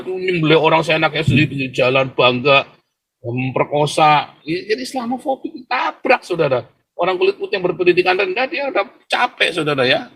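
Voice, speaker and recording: A man in full ranting mode, his voice sitting a little high as he talks straight at his audience. He keeps turning to address them directly and slips into quoting other people in sharp bursts. It is a heated, one-sided commentary. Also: slightly rough. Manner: acts out quoted voices in lively bursts. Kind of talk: heated monologue to an online audience.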